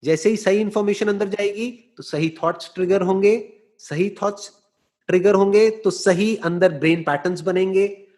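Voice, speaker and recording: A man giving a slow, deliberate motivational talk, often checking in with rhetorical questions and slipping into English phrases. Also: sits high, darkish tone. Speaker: motivational speaker. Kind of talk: explanatory talk answering a listener.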